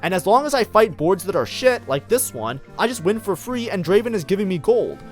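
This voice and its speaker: A man's voice: high-pitched, very animated, brisk, faint music behind. A man casually commenting on his own strategy game match as a streamer, talking in a loose, chatty way full of fillers. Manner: chatty, lots of fillers like "like, you know".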